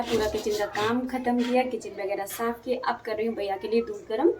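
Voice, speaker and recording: Captured in a low-quality recording, a young woman with a voice on the high side narrates a casual family vlog. She describes her family's day at their rural home with a cattle yard and kitchen, chatty and repeating herself for emphasis.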